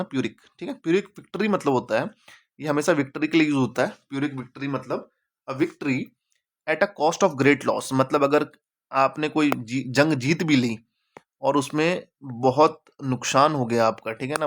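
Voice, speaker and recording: Male teacher, casual chatty explainer who repeats key words, mid-pitched. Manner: chatty, mixes English terms into Hindi, repeats words for emphasis.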